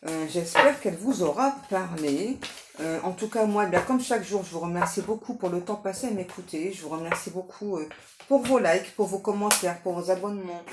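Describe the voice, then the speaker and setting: A woman giving a casual, improvised tarot reading straight to the listener, halting and repetitive, often adding little tag words for agreement. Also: on the low side. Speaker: tarot card reader hosting a guidance channel. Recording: echoey room with faint background noise.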